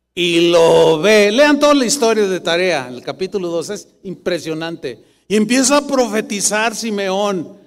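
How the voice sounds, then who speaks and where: Middle-aged male pastor, higher voice, emphatic sermon delivery, long hall reverb. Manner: animated preaching, rising to emphatic bursts.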